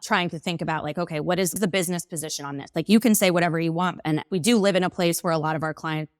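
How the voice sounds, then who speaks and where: A woman who co-owns a business, speaking in a measured, reflective way as an interview guest, often checking in with "you know" and "right?". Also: fairly low pitch, no echo. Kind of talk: casual conversational interview.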